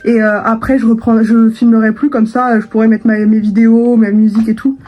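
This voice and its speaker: A woman's voice: fairly high pitch, level tone, fairly quick, lo-fi sound. A young woman chatting casually to camera in a vlog, full of fillers and restarts. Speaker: vlogger.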